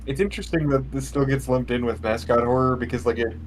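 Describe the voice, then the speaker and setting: Male co-host, mid pitch, relaxed agreeable casual chat. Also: quick pace, a little hiss or hum. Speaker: stream co-host.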